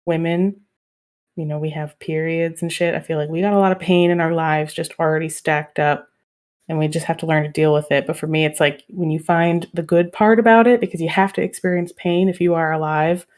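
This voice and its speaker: A woman in her thirties chats casually as a podcast co-host. Her voice sits a bit low, and she talks frankly, with frequent laughter. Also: steady tone, a little fast, a little mellow. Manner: frank, chatty, laughs often. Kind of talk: casual chat.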